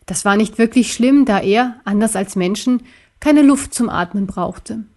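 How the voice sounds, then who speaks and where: A woman reading a children's story aloud in a calm, even storytelling manner, sometimes dropping to a soft whisper. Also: a little high, measured pace. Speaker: story narrator.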